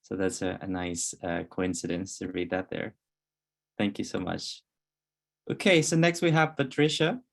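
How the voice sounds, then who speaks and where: Man, panel moderator, upbeat, effusive, lowish voice, video call. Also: moderate pace, vocal fry. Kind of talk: hosting a panel webinar.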